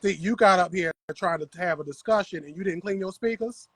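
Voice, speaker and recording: On an outdoor patio, a man hosts a laid-back gardening livestream, chatting with viewers as he works the soil. His voice is high-pitched and fairly bright, slightly rough, with a fairly quick delivery and no room sound.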